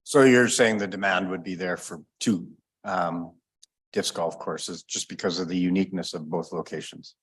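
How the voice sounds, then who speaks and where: Low-voiced councillor with a rambling question. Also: male voice, fairly even intonation, normal speed, husky. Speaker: city councillor. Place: council chamber.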